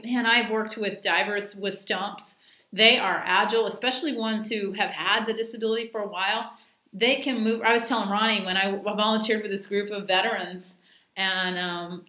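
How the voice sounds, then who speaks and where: A woman's voice: medium pitch, bright, forceful tone, roomy sound. A woman dive instructor giving a casual training talk, chatty and full of anecdotes and fillers.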